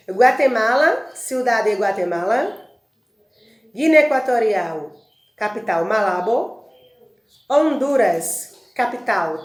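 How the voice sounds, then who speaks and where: A woman's voice: a little high, roomy sound. Patient teacher woman, Brazilian accent. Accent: Brazilian Portuguese. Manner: slow, deliberate drilling of verb forms and lists; explains patiently, asks rhetorical check-ins. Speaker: Spanish teacher. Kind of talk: recorded classroom review lesson.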